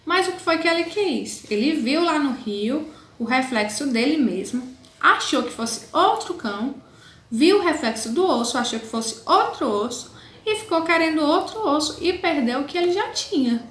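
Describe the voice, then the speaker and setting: A woman's voice: high-pitched, expressive, fairly bright tone. A woman teacher with a Brazilian Portuguese accent, patiently explaining a lesson to young pupils in a recorded online class. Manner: patient, explains slowly, calls pupils "my loves". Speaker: primary school teacher. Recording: echoey room, faint background noise.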